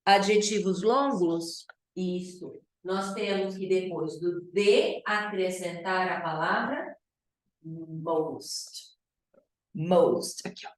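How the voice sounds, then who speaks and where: Woman English teacher, lowish voice, unhurried and playful, echoey room. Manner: chatty, playful, mixes Portuguese with English. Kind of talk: online English class.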